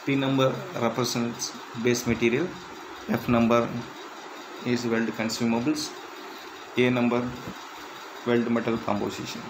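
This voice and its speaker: A man reading interview questions and answers aloud in a plain, measured way, with slightly halting phrasing. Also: mid-range voice, level tone, background noise. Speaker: instructor.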